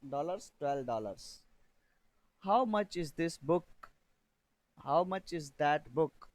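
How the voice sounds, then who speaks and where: A man teaching a beginner English lesson, reading drill sentences slowly and repeating phrases for learners to copy. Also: on the high side, darkish tone, low-quality recording.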